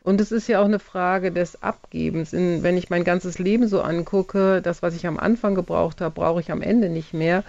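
A guest on a radio talk show tells an old fairy tale with lively energy and quick asides. The voice is mid-pitched and sits in a dry studio. The sound is a little dull and muffled in the highs. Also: vocal fry, no echo. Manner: lively storytelling, with brief laughs and quick asides. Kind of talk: retelling a fairy tale and reflecting on it.

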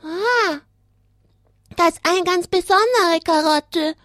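A woman's voice: extremely high pitch, slow, fairly bright tone, no room sound, clean studio sound, full character voice. A woman voicing a cheerful, childlike male rabbit puppet that chatters eagerly like a small child on a children's radio show.

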